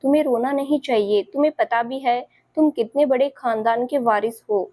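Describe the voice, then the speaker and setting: A woman's voice: on the high side, normal speed, dark tone, dry recording, close to an everyday voice. A woman voicing a spiteful scheming aunt in a spoken story, with a sly, taunting manner.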